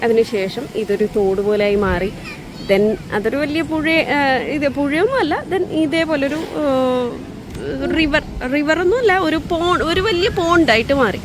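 Female vlogger, higher-pitched, casual, code-mixes English; clearly noisy outdoor recording. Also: expressive, normal speed. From Lakshadweep, India. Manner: mixes English words into Malayalam. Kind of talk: casual chatty vlog. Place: outdoors at a park by a beach.

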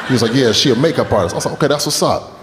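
Rapid-fire and medium-pitched, a man in his late twenties runs a stand-up set full of loose, profane tales and crowd interaction. The echoey club has long reverb, the audience laughs along, and there's slight background noise.

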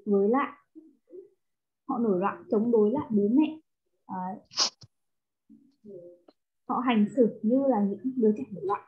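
A woman's voice: mid-range voice, measured pace, long pauses. A woman teaching English, tutoring one pupil and explaining words step by step in with English terms mixed in. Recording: tinny phone-like line.

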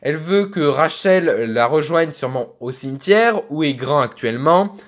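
A man's voice: on the high side, animated, normal speed. A young man hosting a let's play, musing aloud and chatting as he reads a story game.

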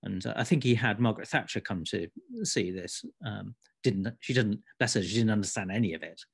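A man's voice: on the low side, a little fast, vocal fry, breathy edge. A man, principal of an architecture practice, speaking in a panel discussion with many hesitant restarts.

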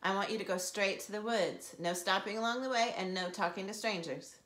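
A woman's voice: medium pitch, brisk, a bit bright, natural voice. A woman voicing a caring, protective mother in a storybook reading, in a roomy, echoey sound. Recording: roomy echo.

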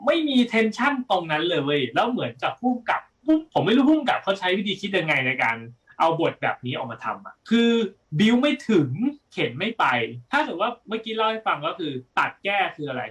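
Man, heated blunt film critic, high-ish voice, a bit distant from the mic. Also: fairly bright tone. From Thailand. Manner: blunt, heated ranting with profanity. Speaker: film reviewer co-host. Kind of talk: casual podcast chat.

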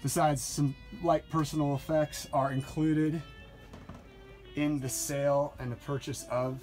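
A chatty yacht broker films a casual boat tour on his handheld phone, moving across the deck and into the cabin of a sailboat in a marina. His voice is a little high and unhurried, relaxed, and dotted with frequent fillers and self-corrections. Music can be heard nearby in the phone recording.

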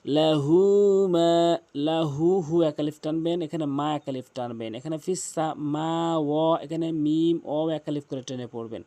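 A man teaching correct Quran pronunciation, who chants drawn-out verses and then gives quieter, quicker spoken corrections. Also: a little high. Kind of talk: tajweed lesson with slow chanted recitation.

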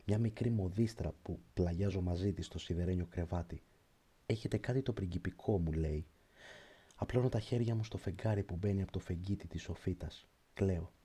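A man reading a literary prose audiobook in a slow, measured, reflective way. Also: sits low, mellow, slightly rough. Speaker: audiobook narrator.

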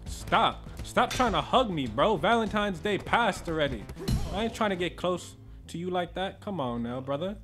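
A man giving joking, slangy commentary as he plays through a video game, with loud reactions. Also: high voice, animated, moderate pace, over music. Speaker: gaming channel host. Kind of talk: casual playthrough commentary.

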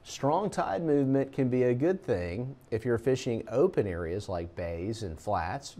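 A middle-aged man, a TV meteorologist giving a relaxed, folksy talk over slides. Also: fairly low pitch.

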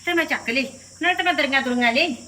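A woman's voice: high-pitched, quick pace, bright, forceful tone. A woman playing a weary mother with bundles. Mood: weary, complaining. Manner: weary, complaining. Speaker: mother arriving with a heavy load. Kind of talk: rural village drama acting.

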